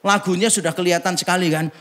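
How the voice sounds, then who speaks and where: A man preaching a sermon at a church service, with a fairly high voice. He keeps it casual and funny, teasing the congregation and throwing rhetorical questions at them. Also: fairly even intonation, fast, fairly bright tone. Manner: humorous, conversational, teasing the congregation. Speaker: pastor.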